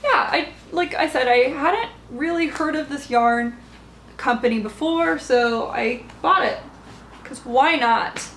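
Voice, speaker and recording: Woman, podcast host, unhurried rambling chat, slightly high, echoey room. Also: fairly bright tone. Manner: chatty, rambling, many fillers and restarts. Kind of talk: casual chat showing yarn haul. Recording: echoey room, faint background noise.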